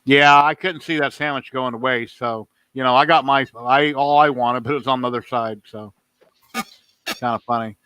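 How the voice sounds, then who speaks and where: Bright-voiced man in his fifties. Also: mid-range voice, fairly even intonation, normal speed, clean tone, dry recording. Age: 50s. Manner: rambling storyteller. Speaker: livestream host. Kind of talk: casual chat.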